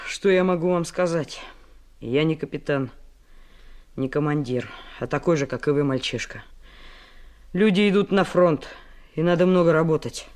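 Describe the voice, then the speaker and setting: A man's voice: a little high, normal speed, pauses often, a little mellow, close to an everyday voice. An actor playing an earnest, resolute boy leader in wartime, serious and emphatic, in a radio drama. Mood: grave, resolute. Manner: serious, emphatic short phrases.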